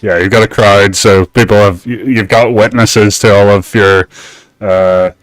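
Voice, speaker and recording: A man running a tabletop game as game master, narrating with lots of fillers and halting restarts. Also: lowish voice, fairly even intonation, dry recording, rough recording. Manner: halting, filler-heavy, laughs easily.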